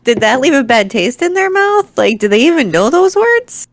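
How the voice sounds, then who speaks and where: A woman's voice: high-pitched, very animated, normal speed. A woman co-hosting a podcast, chatting casually and teasingly. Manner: playful, teasing. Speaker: podcast co-host. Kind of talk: casual chat.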